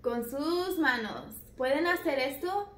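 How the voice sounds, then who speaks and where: Maestra de voz aguda y pausada. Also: female voice, high-pitched, lively intonation, roomy sound. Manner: slow, clear, encouraging, speaking to small children. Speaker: preschool teacher. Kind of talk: children's lesson with puppets.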